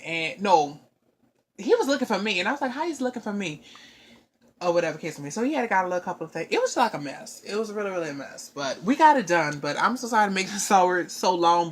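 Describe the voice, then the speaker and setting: Chatting casually, a woman with a medium-pitched voice spins out a lengthy personal tale. Her telling is rambling and lively, full of asides to those listening.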